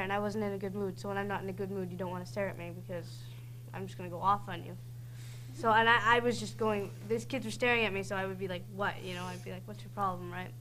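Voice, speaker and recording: A woman's voice: medium pitch, a little hiss or hum, low-quality recording. A woman telling a story frankly and animatedly. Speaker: interviewee.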